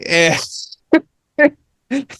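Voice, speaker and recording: A man's voice: drawn-out words, pushed and bright, dry recording, studio quality. A man from Minnesota hosting a podcast, chatting in an easygoing, self-deprecating way. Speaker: podcast host. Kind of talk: casual chat.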